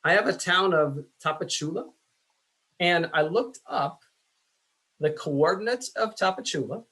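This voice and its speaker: A man teaching statistics in a casual, self-deprecating way, with many fillers, his voice going hoarse. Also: sits high, a little slow, pushed and bright, rough recording. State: losing his voice. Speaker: statistics instructor. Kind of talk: screen-share lecture.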